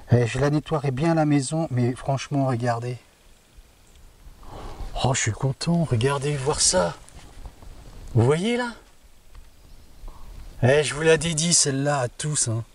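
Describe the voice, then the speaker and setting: A man talking to viewers while metal detecting outdoors by woods near a castle, chatty and quick to exclaim, always tacking on little filler words. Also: mid-range voice. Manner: chatty, keeps adding "hein" and addressing viewers; excitable, delighted exclamations. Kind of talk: live commentary to camera while detecting. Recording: distant outdoor mic with faint noise.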